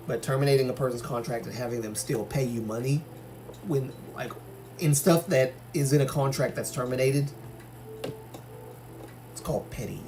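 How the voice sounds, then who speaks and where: This Algerian host chats casually on a livestream, reading viewer comments and sharing opinions through many fillers and restarts. His mid-range, darkish voice moves at normal speed but pauses often, and a little hiss or hum is audible.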